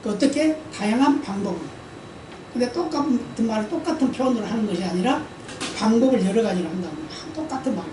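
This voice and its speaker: A woman's voice: on the high side, animated, fast, recorded from a distance, background noise. Woman pastor preaching in a roomy church. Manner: conversational, often asks the congregation for an amen; acts out quoted speech in stories. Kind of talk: sermon. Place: church sanctuary during service. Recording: roomy church hall, voice from afar.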